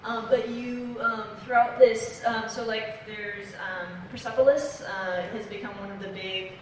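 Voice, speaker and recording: An earnest young woman from Belgium explains her points on a comics panel, pausing often on fillers. Her voice rings through a big convention hall from a distant microphone. A steady wash of crowd noise sits underneath. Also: fairly high pitch. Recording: echoey hall, distant mic, noisy.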